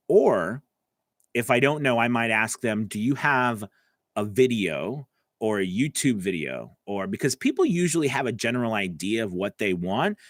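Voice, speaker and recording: Answering viewer comments on a live stream, a voice-over coach chats casually while coaching voice actors from his home studio. He has a lowish voice with a fairly bright tone, recorded dry.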